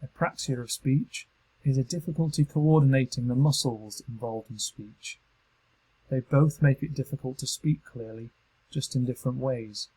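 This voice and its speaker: A man with a British accent giving calm, measured, scripted narration for a training module. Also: medium pitch, husky, low-quality recording. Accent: British English. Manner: calm, measured instructional delivery.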